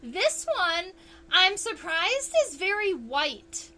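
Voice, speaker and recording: A woman's voice: very high-pitched, big pitch swings, bright, forceful tone. A woman entomologist hosting a casual livestream, explaining insect anatomy under a microscope and answering viewers' chat. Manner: chatty, unhurried, reads chat aloud.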